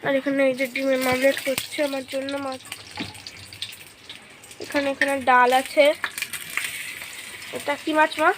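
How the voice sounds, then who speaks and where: A young woman with a hoarse voice and a stuffy nose from a cold, chatting casually to her vlog camera as she shows her meal and home. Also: high-pitched, level tone, a little slow, long pauses, background noise. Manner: chatty, showing things to camera. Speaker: vlogger.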